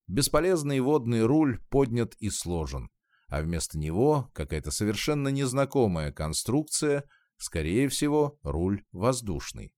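A man reading a story aloud in scripted, expressive narration. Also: on the low side, no room sound, clean studio sound. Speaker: audiobook narrator.

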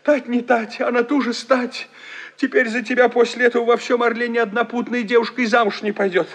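A man's voice: extremely high pitch, level tone, brisk, fairly bright tone, pitched above the performer's own voice. A man voicing an older, pious mother who laments and reproaches her son in an old-fashioned wail. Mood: lamenting.

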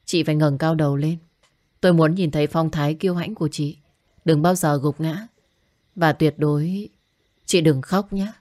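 An earnest young man, devoted and gently teasing, as a woman narrator reads his messages. Low for a woman, with no real change from her everyday reading voice. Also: steady tone, moderate pace, natural voice.

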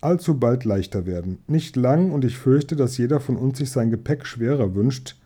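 A man reading as a gruff dwarf leader. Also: mid-range voice, lively intonation, moderate pace, mellow. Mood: grim. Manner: gruff, curt. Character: gruff male dwarf leader, grim and proud.

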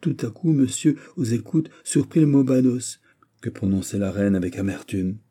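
A man's voice: mid-range voice, lively intonation, normal speed, dark tone, slightly rough, voice pushed up. A man reading aloud and voicing an impassioned, jealous young king who pleads and bursts out. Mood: aggrieved. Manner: pleading, rising to outbursts.

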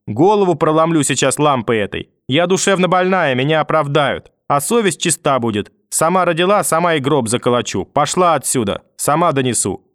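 Reading an audiobook, a man voices a furious, vicious old grandmother who scolds, curses and threatens, and here he is screaming. His mid-range voice is animated and close to an everyday voice, at a normal speed. The studio-quality recording has no room sound.

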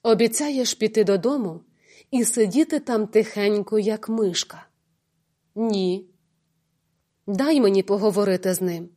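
A woman's voice: medium pitch, unhurried, pauses often, mellow, lightly acted. Level-headed male friend, read by a woman, firm, soothing, audiobook. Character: protective, level-headed adult man friend. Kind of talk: audiobook reading.

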